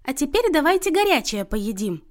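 A woman voicing a pushy, loud middle-aged mother who talks in a bossy, shrill manner. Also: very animated, normal speed. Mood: indignant.

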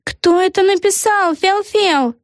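A woman voicing an excitable, chatty young girl witch in an audiobook, with a squeaky, wide-eyed, blurting way of talking. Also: a little slow, dry recording, studio quality. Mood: chattering. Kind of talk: audiobook character voice.

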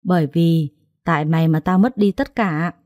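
A woman doing a vicious sister-in-law who spits out threats with cold contempt. The voice sits low and dark, close and dry with no room sound, in a spoken storybook. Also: normal speed, no room sound, close to an everyday voice. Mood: menacing. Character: cruel scheming woman, bitter sister-in-law.

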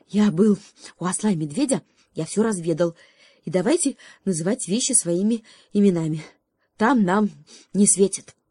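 A woman voicing a brisk, blunt male hedgehog in a storybook, speaking quickly and decisively. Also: medium pitch, animated, mellow, slightly rough, dry recording, clean studio sound.

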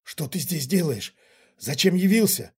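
Brief: male reader doing a desperate father, raised pitched yelling, husky voice. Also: expressive, measured pace, full character voice. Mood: startled. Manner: loud, shouting, defiant. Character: cornered frightened angry father, middle-aged man.

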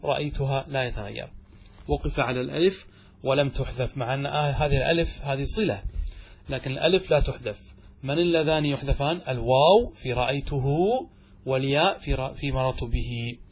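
Man, grammar teacher, husky voice, a bit high, asks and answers his own questions. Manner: asks the class questions and answers them himself; says examples slowly and drawn out. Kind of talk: classroom lesson on Arabic grammar.

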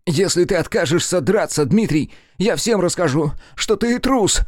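A man voicing a shy young male student turned jealous and furious, shouting in a breaking voice. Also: high voice, lively intonation, moderate pace, no room sound, studio quality, pitched above the performer's own voice. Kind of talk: audiobook character voice.

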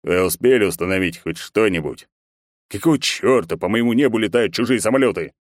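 A man's voice: on the low side, expressive, fairly quick, no echo, studio quality, pitched above the performer's own voice, close to an everyday voice. A man voicing a cold, ruthless emperor who speaks curtly and menacingly in an audiobook. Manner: menacing, curt, imperious.

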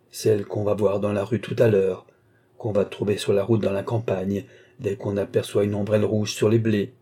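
A man narrates a classic story in a measured, literary audiobook reading. His voice is dark and mellow, with a husky grain. He voices the dialogue only lightly. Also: on the low side.

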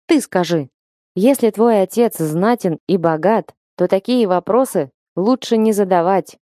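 A woman's voice: medium pitch, unhurried, dark tone, dry recording, studio quality, lightly acted. A woman voicing a young townsman who mutters in a sullen, frightened way.

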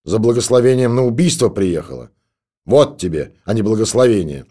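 Male narrator as a gruff, scolding stoker with a low, dark voice. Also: animated, brisk. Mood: rough scolding. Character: gruff old stoker in a monastery.

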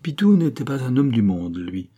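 Man, audiobook narrator, dark mellow tone, husky, measured phrasing. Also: mid-range voice, very animated. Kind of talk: scripted narration of a classic novel.

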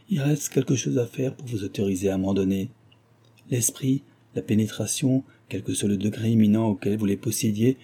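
A man voicing a passionate young gentleman suitor, speaking in a fervent, imploring and formal way. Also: lowish voice, husky. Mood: earnest. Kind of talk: audiobook character reading.

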